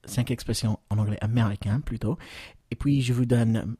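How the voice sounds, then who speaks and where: American man teaching, dark dry voice. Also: medium pitch, steady tone, breathy edge, no echo. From United States. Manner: patient, hesitant with many fillers, slow model phrases. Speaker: English teacher, podcast host. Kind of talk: bilingual podcast lesson.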